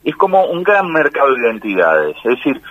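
A man's voice: mid-range voice, wildly swooping pitch, fairly quick, dry recording. Argentine man explaining stuff in an interview, dry and kinda muffled sound. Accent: Argentine Spanish. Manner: explanatory, acts out examples. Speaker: sociologist interviewee. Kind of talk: interview answers.

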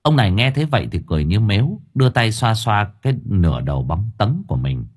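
Husky male narrator, lowish, animated, colloquial. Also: fairly quick. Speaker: audiobook narrator. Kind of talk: storytelling narration.

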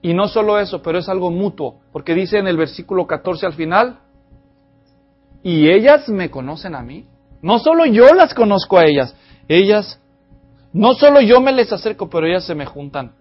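A man preaching an expository sermon, addressing the congregation directly with animated energy. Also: high voice, normal speed, lo-fi sound, soft background music. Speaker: pastor.

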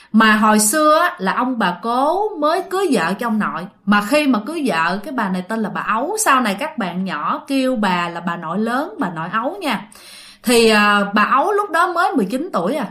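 Chatty woman storyteller. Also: on the high side. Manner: chatty, animated, addresses listeners directly. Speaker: ghost story narrator. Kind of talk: storytelling narration.

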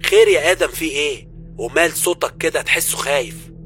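A woman's voice: sits low, fast talker, a bit bright, soft background music. A man voicing a worried young woman who is an expert in magic, with an Egyptian accent. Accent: Egyptian Arabic.

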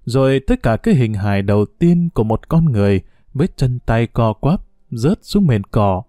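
Male narrator for a storybook reading; calm and measured, warm low tone, dry booth. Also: no room sound. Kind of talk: audiobook storytelling.

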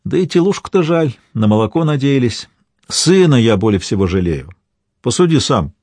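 A man's voice: medium pitch, big pitch swings, moderate pace, a little mellow, dry recording. A man voicing a fussy, talkative old peasant father who pleads and chatters in folksy old-fashioned speech.

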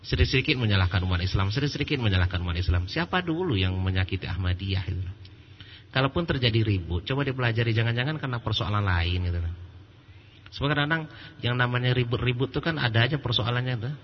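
A male preacher giving a religious lecture in a lively storytelling way, acting out quoted voices and laughing at his own jokes. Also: mid-range voice, quick pace. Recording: muffled lo-fi recording with faint background noise.

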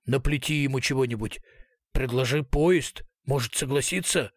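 A man voicing a gruff older male police colonel speaking in an offhand, grumbling way. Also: medium pitch, moderate pace, no room sound, studio quality, lightly acted.

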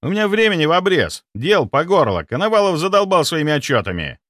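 A man voicing a brash, rude necromancer who barks his lines loud and high. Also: sing-song, drawn-out words, no room sound, clean studio sound, full character voice. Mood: brusque. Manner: barking, rude. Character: brash angry male necromancer boss.

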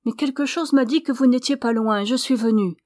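A woman's voice: on the high side, a little fast, mellow, no echo, clean studio sound, pitched above the performer's own voice, close to an everyday voice. A woman voicing an anxious, devoted young woman, with urgent, pleading questions. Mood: tender, resolute.

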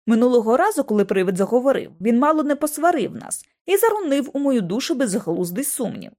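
A woman reads a first-person audiobook with expressive, dramatic delivery. Her voice is high and very lively, rising and falling across each sentence. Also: fairly quick. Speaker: audiobook narrator.

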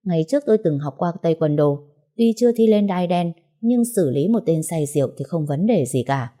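Low, mellow woman narrating an audiobook in speech. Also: animated, fairly quick. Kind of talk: first-person audiobook narration.

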